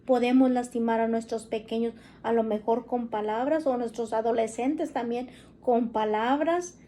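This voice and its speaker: A woman's voice: on the high side, steady tone, normal speed, warm tone. A woman giving a casual religious talk on parenting, often adding a questioning tag to her points. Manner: chatty, often adds "¿verdad?".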